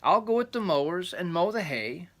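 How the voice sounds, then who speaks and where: A man's voice: high voice, very animated, normal speed, fairly bright tone, pitched above the performer's own voice. An older man voicing a placating but firm farmer's wife as he reads a storybook aloud in grandpa fashion. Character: farmer's wife, a woman answering her scolding husband.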